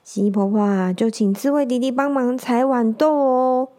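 A woman reading a children's picture book aloud, gently stopping to explain words. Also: a little high, steady tone, moderate pace. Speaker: storyteller.

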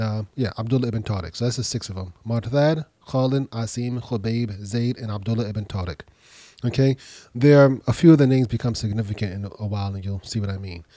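Slightly nasal man with a dry, dark voice. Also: mid-range voice, no echo. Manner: explanatory, pausing to rephrase and repeat. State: getting over a cold. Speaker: podcast host. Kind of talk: informal history storytelling lecture.

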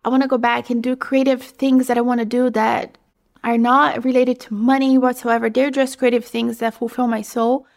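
A woman's voice: a little high, flat delivery, moderate pace, vocal fry. A young woman hosting her own podcast, talking casually and a little out of breath, with lots of "you know" fillers. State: slightly out of breath. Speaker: podcast host. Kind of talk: casual solo podcast monologue.

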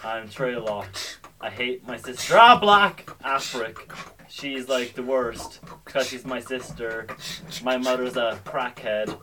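A young man voicing a sulky, sad little boy character in a slow, droning mock-sad delivery. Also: medium pitch, bright, forceful tone. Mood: mopey.

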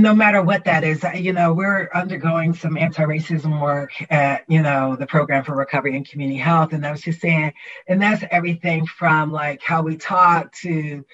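A woman's voice: deep voice, fairly bright tone. A woman from Trenton, New Jersey, telling her story thoughtfully in a group discussion. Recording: distant, dull lo-fi mic.

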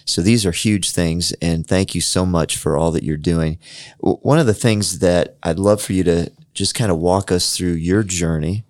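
A man's voice: sits low, moderate pace, a little mellow, no room sound, studio quality. A man hosting a local podcast, talking casually with a lot of "uh" and "um" fillers. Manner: easygoing, many fillers. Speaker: podcast host. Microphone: studio microphone.

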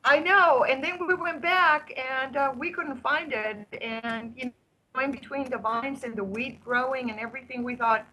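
A woman's voice: high-pitched, normal speed, sharp tone, low-quality recording. A woman guest on a podcast interview, a chatty storyteller who speaks with many fillers. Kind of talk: casual interview chat. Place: at home in Spain, on a remote call.

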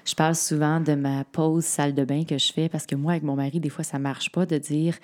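A Québécois woman with a notably low, dark voice chats casually as a co-host, sharing stories from her own family life. She talks with frequent fillers and small pauses as she works out her thoughts. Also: level tone. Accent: Québécois French. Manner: shares personal family anecdotes with many fillers. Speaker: podcast co-host and mother. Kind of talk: casual chat.

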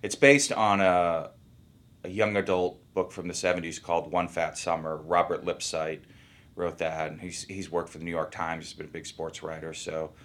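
A man who is an actor, talking about his work in a relaxed, rambling interview. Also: deep voice, normal speed. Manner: easygoing, rambling, thinks aloud. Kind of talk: casual interview talk.

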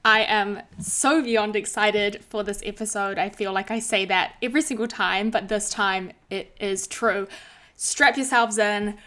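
A woman's voice: mid-range voice, steady tone, a little slow, sharp tone. A woman hosting a casual solo podcast, chatting in an informal, sweary, playfully dramatic way with rain behind her. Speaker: podcast host. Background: heavy rain.

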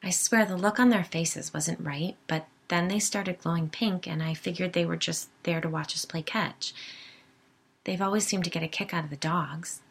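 A woman's voice: fairly low pitch, moderate pace, creaky, breathy edge. Woman voicing a touchy defensive yogi wife. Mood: hushed. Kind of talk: audiobook character voice.

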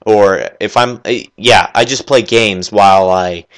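A man hosting a solo gaming podcast, talking fast and enthusiastically in a rambling, off-the-cuff way while working at his computer. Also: fairly low pitch, steady tone, fairly bright tone, smooth. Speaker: podcast host.

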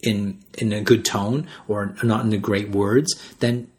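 A man's voice: fairly low pitch, little pitch movement, measured pace. A man co-hosting a podcast, talking in an earnest, emphatic, repetitive motivational way. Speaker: podcast co-host.

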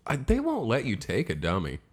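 A man's voice: mid-range voice, wildly swooping pitch, a little fast, breathy edge. A man co-hosting a podcast in casual chat, telling stories, laughing easily and swearing. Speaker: podcast co-host.

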